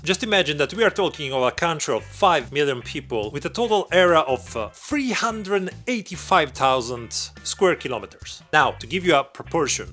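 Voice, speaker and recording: A young man from Croatia, talking casually to camera in a vlog, excitable and emphatic, swearing freely. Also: a little high. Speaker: vlogger and metal musician.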